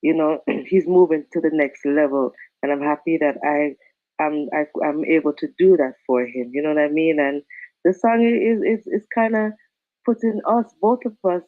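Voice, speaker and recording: A reggae singer from Canada and Jamaica chats as a guest in a casual interview, her low voice moving at normal speed with no room sound. Warm and chatty, she uses Jamaican phrasing and fills her talk with "you know," all over dull lo-fi call audio.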